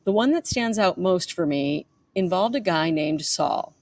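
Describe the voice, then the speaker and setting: A woman reads aloud from her memoir in a relaxed, conversational way. Her voice sits a little low, and she breaks off now and then for offhand asides and quick self-corrections. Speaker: author reading her own book. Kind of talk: reading a memoir chapter aloud.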